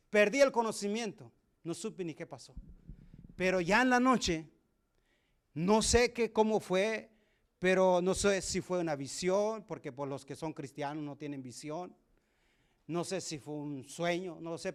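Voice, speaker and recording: A man preaching a sermon testimony, moving between hushed and loud, emotional delivery. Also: high-pitched.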